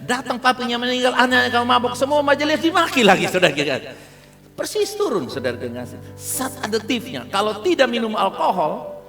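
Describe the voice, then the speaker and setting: A man pastor with a Kupang Malay accent preaches a sermon in a lively, humorous way, often turning to the congregation. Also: extremely high pitch, a little fast, vocal fry, soft background music. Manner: lively, humorous, addresses listeners as "saudara kasih" often. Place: large church hall. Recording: church service with long reverb.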